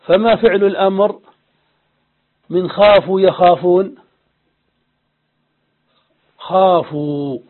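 Man teaching grammar over tinny audio. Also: high voice. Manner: patient, explanatory, repeats key rules and asks the class questions. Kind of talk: classroom grammar lesson. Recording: tinny phone-like lo-fi recording.

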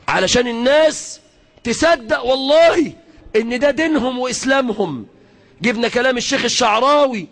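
A man with an Egyptian accent preaching to a crowd, fiery, shouting out prayers and switching between everyday and formal speech. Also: extremely high pitch. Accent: Egyptian Arabic.

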